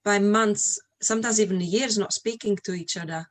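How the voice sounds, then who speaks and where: This middle-aged Slovak woman speaks at a normal speed in a medium-pitched voice, sharing personal recollections in English with a Slovak accent. The setting is a casual conversational interview, and she is from Slovakia in Eastern Europe.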